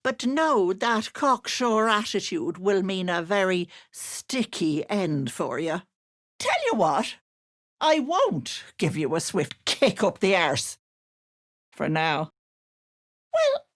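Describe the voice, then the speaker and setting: A woman's voice: mid-range voice, huge pitch swings, slow, no room sound, clean studio sound. A woman playing a sly, wicked old hag in a video game, posing as a sweet auntie, with cloying endearments laid over gloating menace. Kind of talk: video game character voice acting.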